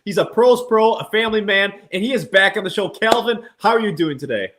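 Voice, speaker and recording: A man's voice: high-pitched, expressive, brisk, a bit bright. A man hosting a casual sports interview, informal and given to repeating phrases for emphasis. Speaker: interview show host.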